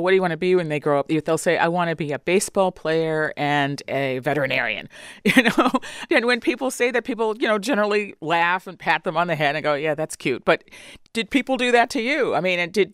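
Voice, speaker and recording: A man's voice: high voice, lively intonation, fast talker, a bit bright, clear, resonant tone, no echo, studio quality. A man hosting a broadcast interview, asking questions in a conversational way. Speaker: radio interviewer.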